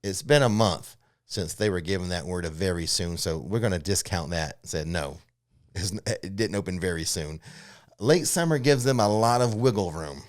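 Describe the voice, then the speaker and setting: A deep-voiced, animated man speaks at normal speed as co-host of an unscripted, casual theme park news chat in a studio. Taking viewer questions, he explains things in an informal, matter-of-fact way with some hedging.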